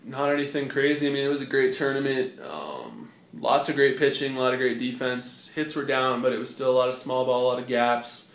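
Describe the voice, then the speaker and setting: A man's voice: mid-range voice, a little fast. A young man co-hosting a casual sports podcast, with a dry, wry sense of humor. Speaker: podcast co-host. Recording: echoey room.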